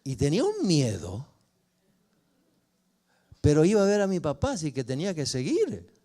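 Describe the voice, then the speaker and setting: An older man, a pastor telling a personal story in a sermon with expressive rises and falls. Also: on the high side, normal speed. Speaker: pastor and family counselor.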